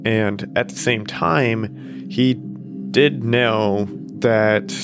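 A man playing a tabletop game, describing his character in a thoughtful, halting way. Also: lowish voice. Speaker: player. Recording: guitar music under voice.

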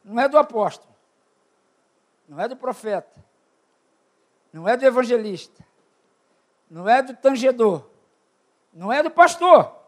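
An older man preaching a sermon at a church retreat, asking the congregation questions and calling for amens. He swings between loud shouted peaks and low quiet asides. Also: animated, moderate pace, pauses often.

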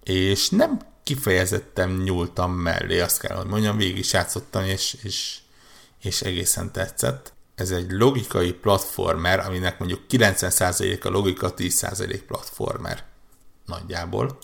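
A podcast co-host chats casually about video games, rambling with lots of restarts and repeated words. His voice is deep and a bit bright, with vocal fry.

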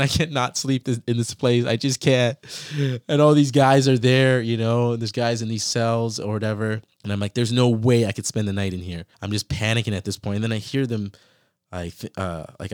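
A young man with a fairly low voice, retelling a personal ordeal in casual, animated storytelling. He speaks earnestly, quoting his own thoughts and stopping to reflect on scripture. The recording sounds close and dry, with no room around it. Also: no room sound. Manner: references scripture while reflecting.

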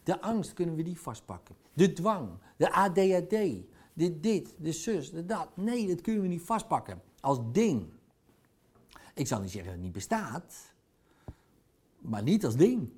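A man's voice: fairly high pitch, big pitch swings, unhurried, darkish tone, husky. A man speaking in a blunt, provocative, conversational monologue, dropping in crude words as a speaker or coach. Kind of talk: casual monologue.

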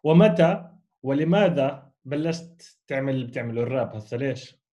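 A man's voice: medium pitch, lively intonation, moderate pace, dark tone, highs cut off. A man, hosting a casual conversational interview. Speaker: interview host.

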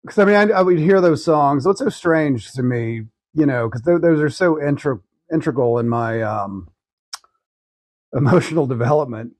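Guy just chatting on a talk show, kind of halting and sarcastic, really dry close sound. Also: on the high side, a little mellow, dry recording. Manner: halting, sardonic. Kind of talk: casual chat.

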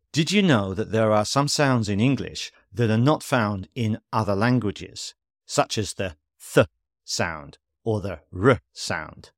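A man teaching English in a scripted podcast lesson, reading at a steady, measured pace and spelling out examples clearly. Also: mid-range voice, no echo, clean studio sound.

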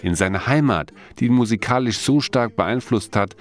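A man reading scripted narration for a radio feature in a measured, even way. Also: mid-range voice, soft background music.

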